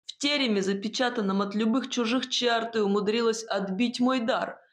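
Brief: audiobook villain, a sneering young male sorcerer read by a woman, slow, lightly higher tone. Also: steady tone, natural voice. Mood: menacing.

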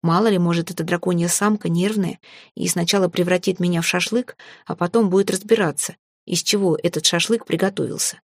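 Husky woman narrating a fairy tale. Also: lowish voice, fairly quick, no echo, studio quality. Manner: lively, wry and chatty. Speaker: audiobook narrator. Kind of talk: first-person storybook narration.

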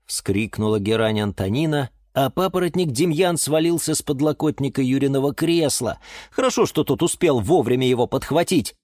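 A woman narrating a children's story in an expressive, theatrical way. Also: rumbling low, moderate pace, dry recording, studio quality.

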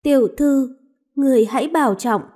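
A humble young maidservant speaks with earnest devotion, voiced by a woman narrator. Her voice sits high and sounds soft. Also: moderate pace. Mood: tearful.

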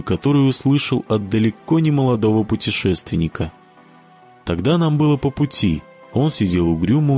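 A man narrating a story in the first person, with expressive delivery. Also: fairly low pitch. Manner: expressive, varied intonation.

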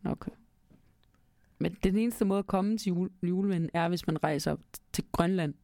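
Woman reading a xmas story then joking around, low gravelly voice, dry close sound. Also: warm tone, no echo. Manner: playful, banters stubbornly. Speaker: reader and co-host.

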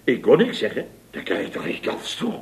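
In a radio comedy sketch performed before an audience, an actor plays a flustered, indignant, chatty man who rambles through his story, stammering, repeating himself and adding rhetorical tags. Aggrieved and exasperated, he talks briskly at a medium pitch with wild pitch swoops and vocal fry, over a little hiss or hum.

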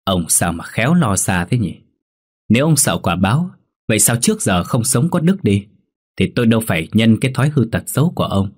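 A man's voice: fairly low pitch, sing-song, fairly quick, husky. A man voicing a cruel, arrogant young man who speaks in a mocking, dismissive way.

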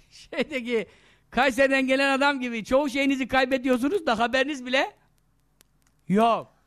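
A man's voice: very high voice, normal speed, pauses often. A man giving an informal religious talk as a preacher, scolding and teasing his listeners as he tells his stories. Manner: scolding, teasing, lively storytelling.

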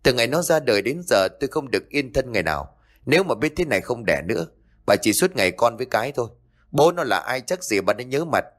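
A man voicing an irritable husband, rapid scolding, low voice, storybook ghost tale. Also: lively intonation, fairly bright tone. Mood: irritated. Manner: fast, snappish scolding. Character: irritable grumbling husband, middle-aged man.

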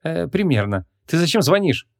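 Guy voicing a bubbly young cop woman, high and playful, audiobook. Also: big pitch swings, normal speed, vocal fry. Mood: lively.

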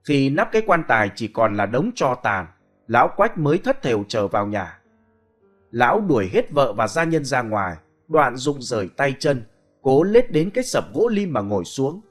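A man reading a ghost story aloud in a dramatic, expressive way. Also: medium pitch, moderate pace, faint music behind. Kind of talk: scripted storytelling.

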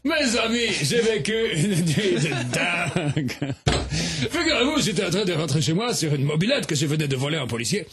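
A man performing a crude, boastful comedy monologue on morning radio, shouting his story in a very husky, gravelly voice. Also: on the high side, very animated, normal speed, a little hiss or hum. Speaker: comic radio character host.

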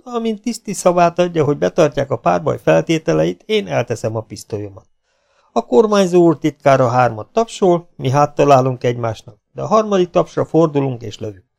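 A man's voice: a little high, expressive, vocal fry, darkish tone, voice pushed up. A man voicing a cocky, self-assured outlaw gunslinger who taunts his opponents. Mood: mocking. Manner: mocking, self-assured and teasing.

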